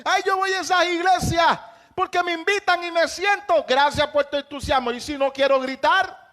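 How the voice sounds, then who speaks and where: High-voiced impassioned male pastor preaching. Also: fairly even intonation, moderate pace. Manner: impassioned preaching with shouted emphases. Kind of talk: sermon.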